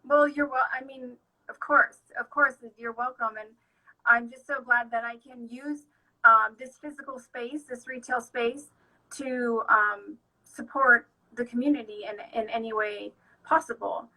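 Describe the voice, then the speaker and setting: A woman's voice: a little high, steady tone, unhurried, sharp tone, poor audio. A woman hosting a casual chat in her shop, speaking enthusiastically with many fillers. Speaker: shop owner and host.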